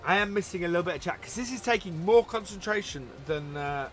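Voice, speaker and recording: A man's voice: high voice, animated, fast, a bit bright, faint music behind. A man hosting a live gameplay stream, chatting casually and greeting viewers by name while he plays. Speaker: livestream host.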